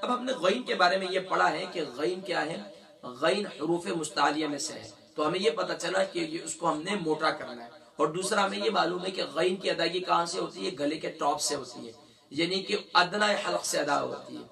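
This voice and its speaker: A man in his middle years leads a recitation lesson in a bright, sharp voice. He breaks the words into slow, drawn-out sounds, chuckling between explanations. His voice sits a bit far from the mic. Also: a little high, vocal fry. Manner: demonstrates sounds slowly, repeating letters with drawn-out recitation. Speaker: Quran recitation teacher. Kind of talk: religious lesson with recitation drills.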